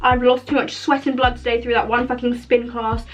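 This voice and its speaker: A woman's voice: a little high, level tone, a little fast, poor audio. A seventeen-year-old girl chatting through a get-ready-with-me makeup vlog, rambling, swearing a lot and mocking herself. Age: teens. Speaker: beauty vlogger. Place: warm bedroom at a makeup mirror. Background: music playing in the background.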